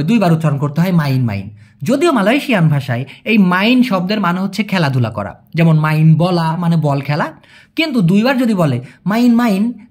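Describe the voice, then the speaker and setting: Lively up-and-down delivery, patient teacher who repeats each word slowly. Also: medium pitch. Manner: explains patiently, repeats words slowly, acts out everyday examples. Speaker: language teacher. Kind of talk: spoken language lesson.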